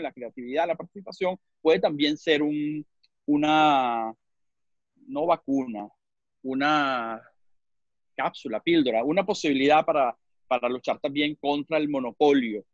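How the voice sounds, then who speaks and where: Halting Venezuelan man on a video call. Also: on the high side, no room sound. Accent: Venezuelan Spanish. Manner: halting, searches for words with many repeats. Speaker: webinar panelist. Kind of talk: panel discussion on a video call. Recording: muffled video call audio.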